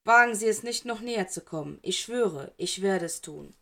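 Bitter teenage boy, shrill and mocking, read by a woman narrator. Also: expressive, normal speed, creaky, fairly bright tone. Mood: mocking defiant.

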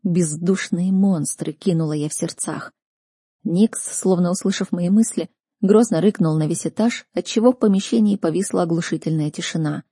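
A woman narrating a first-person audiobook in an expressive, dramatic reading style on a close mic. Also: fairly low pitch, normal speed, husky, no room sound.

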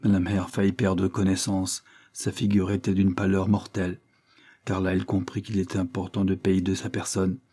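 A man reading a classic novel aloud as an audiobook narrator in a measured storytelling manner. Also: sits low, completely flat delivery, mellow, breathy edge. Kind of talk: scripted narration.

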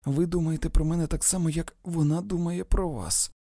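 A man with a husky, gravelly voice voicing a tearful young woman in love for an audiobook. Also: fairly high pitch, fairly even intonation, brisk, warm tone, no echo, clean studio sound, pitched above the performer's own voice. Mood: tearful insistence.

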